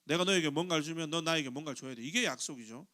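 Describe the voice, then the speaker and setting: A man's voice: fairly high pitch, rapid-fire, pushed and bright. A middle-aged male pastor giving a chatty youth sermon in a church sanctuary, often asking the congregation questions and briefly acting out quoted voices. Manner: acts out quoted voices in short bursts.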